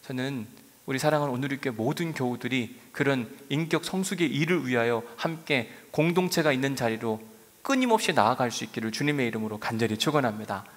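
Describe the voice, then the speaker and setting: A middle-aged man preaching from the pulpit, his pitch rising and falling with animated storytelling. He drops into soft asides, then lifts his voice to drive a point home. A long reverb trails his words through the church sanctuary. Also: brisk. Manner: storytelling, lively swings between soft asides and raised emphasis. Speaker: pastor. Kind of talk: sermon.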